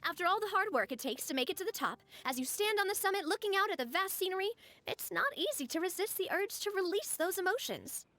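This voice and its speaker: A bright, lively, cheerful young woman. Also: very high voice, fast, few pauses, no echo, exaggerated voice. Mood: upbeat. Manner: upbeat, persuasive, chatty. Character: cheerful outgoing young woman, friendly leader. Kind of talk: video game voice acting.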